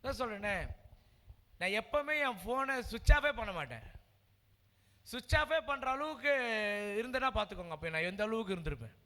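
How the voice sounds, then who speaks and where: A pastor delivers a heartfelt sermon testimony, repeating words with emotional, earnest intensity. His very high, sharp-toned voice is expressive and a little fast, broken by long pauses, and it carries a big-room sound.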